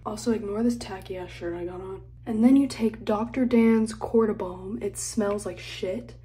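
A woman's voice: medium pitch, normal speed, dark tone. A young adult woman chatting casually and bluntly to her phone camera at home. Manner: blunt, sweary, self-deprecating. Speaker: vlogger. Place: small bathroom at home. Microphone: phone camera close to the face. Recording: slightly noisy home phone recording.

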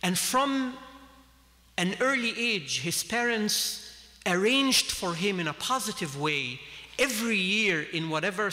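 Gesturing with both hands, an earnest Egyptian preacher in his thirties speaks at a lectern's standing mic inside a large mosque hall. He has a high, pushed and bright voice, and the recording carries a long hall reverb.

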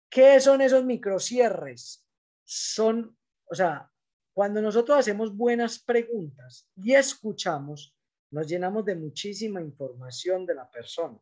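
A man's voice: sits high, warm tone. A man giving a business training talk, coaching salespeople in an emphatic, direct way.

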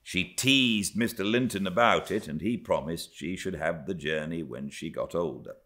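A middle-aged British man with a low voice narrates classic literature as an audiobook reader. His delivery is measured, theatrical and expressive.

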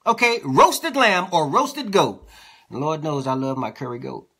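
A male preacher teaching a sermon with a lively, swinging pitch. His voice is bright and a little husky. He reads scripture and keeps checking in with his listeners. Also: measured pace. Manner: conversational, checks in with the listeners often. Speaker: apostle, preacher.

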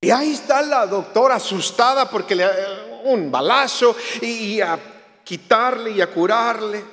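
A man giving a lively church talk, a jokey storyteller who acts out other people's lines. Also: sits high, moderate pace. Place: church hall. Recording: reverberant hall.

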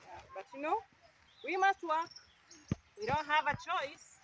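A woman's voice: sits high, a little slow, fairly bright tone, muffled recording. A young woman explaining step by step in a cheerful, casual vlog chat outdoors on a farm, picked up by the vlogger's phone. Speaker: guest. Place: outdoors on a rural maize farm. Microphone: vlogger's phone camera. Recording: outdoor farm noise behind.

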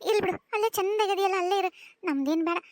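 A woman voicing a shrill old village mother. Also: fast, no room sound, clean studio sound. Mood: tearful joy. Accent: North Karnataka. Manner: pleading, emotional. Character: doting older village mother, tearful and tender. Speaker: voice actor. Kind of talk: cartoon voice acting.

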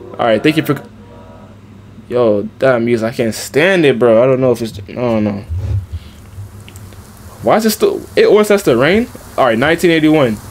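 A man giving casual let's-play commentary, talking in slang and reacting out loud to the game. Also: medium pitch, background noise. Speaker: gaming YouTuber.

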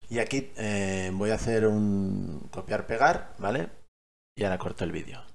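A man with a fairly low voice and vocal fry talks viewers through a gaming tutorial at normal speed. The screen-recorded session is casual and chatty, and he keeps checking that everyone is following along.

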